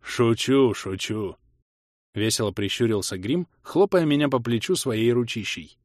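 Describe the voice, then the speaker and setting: Wry male audiobook narrator, lively. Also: mid-range voice, normal speed, dry recording, studio quality. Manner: wry, ironic storytelling. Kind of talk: first-person audiobook narration.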